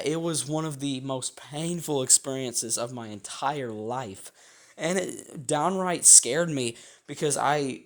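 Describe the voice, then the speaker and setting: A young man with a sore, rough throat, casually telling a rambling story for his vlog, full of fillers and self-corrections. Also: medium pitch. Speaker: storytime vlogger.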